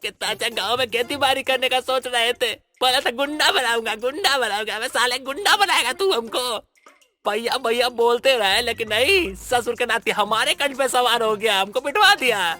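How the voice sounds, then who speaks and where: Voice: medium pitch, moderate pace, bright, forceful tone, lightly acted. A performer voicing a cowardly village goon sidekick who complains and pities himself. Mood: complaining. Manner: complaining, rustic and self-pitying. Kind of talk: cartoon voice acting.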